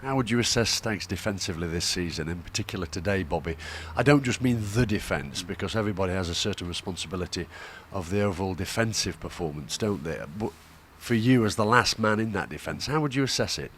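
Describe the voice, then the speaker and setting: A man's voice: low voice, expressive, quick pace, hardly any pauses, a bit bright, a little hiss or hum. A man interviewing a player after a match, asking probing questions that end in tags. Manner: probing, leading questions with tag questions. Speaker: club media interviewer.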